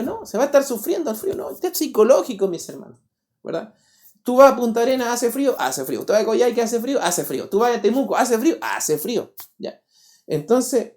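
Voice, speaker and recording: A man, preaching a sermon as pastor. He talks in an animated way and keeps asking the congregation rhetorical questions. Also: high-pitched. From Paraguay. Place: church.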